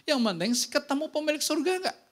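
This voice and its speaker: A pastor preaching a casual, lively sermon, telling stories and often checking in with the congregation. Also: male voice, extremely high pitch, brisk. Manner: casual, slangy preaching with anecdotes.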